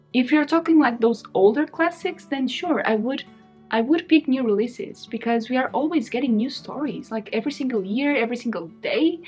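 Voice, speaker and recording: Her voice is a little high, slightly rough, and a touch mellow. She's a young book vlogger, a native Portuguese speaker, talking casually to camera, going back and forth indecisively and laughing a lot, with guitar music faintly in the background.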